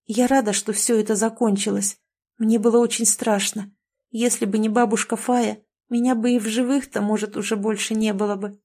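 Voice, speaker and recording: A woman voicing a young village girl who speaks softly, almost in a whisper, in an audiobook. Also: on the high side, flat delivery, normal speed. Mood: earnest. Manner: soft, near whispering.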